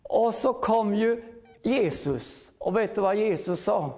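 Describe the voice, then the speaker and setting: Male revival preacher, very high voice, fervent, hallelujah-heavy delivery. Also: animated, darkish tone. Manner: fervent, repeated hallelujahs, rising to calls. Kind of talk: revival sermon.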